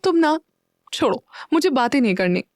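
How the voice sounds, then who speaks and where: A woman's voice: high-pitched, expressive, moderate pace, a little mellow, no room sound, clean studio sound, voice pushed up. A woman voicing a playful, sulky young woman in love, in an audio story. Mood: pouty. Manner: pouty, sulky.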